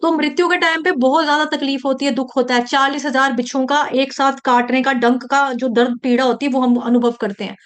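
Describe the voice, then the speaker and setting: A woman leads a devotional scripture lesson in a high, bright-toned voice. She tells her points through lively stories, dropping in English sayings and acting out the characters as she goes. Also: brisk, few pauses. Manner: animated storytelling, acting out quoted voices. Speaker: Bhagavad Gita teacher. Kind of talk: devotional teaching talk.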